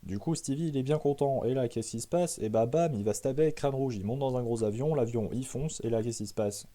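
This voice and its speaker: A man's voice: mid-range voice, fast, dark tone. Slangy, irreverent French-speaking man. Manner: slangy, irreverent, asks himself rhetorical questions. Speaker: film reviewer. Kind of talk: casual comic movie recap.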